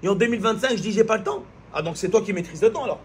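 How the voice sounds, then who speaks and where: Man, sermon, high voice, impassioned, repetitive rhetorical questions, faint background noise. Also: racing. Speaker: preacher.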